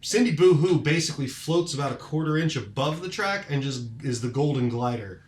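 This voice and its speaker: A man's voice: fairly high pitch, animated, brisk, a little hiss or hum. A man hosting a podcast, recapping bouts in casual, enthusiastic chat full of fillers. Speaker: podcast host. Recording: roomy echoing room.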